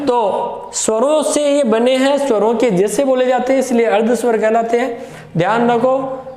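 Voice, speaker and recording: Slow, emphatic male grammar teacher. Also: extremely high pitch, fairly even intonation, darkish tone. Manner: slow, emphatic, repeats key terms. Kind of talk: exam-prep grammar lesson. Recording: echoey room with long reverb.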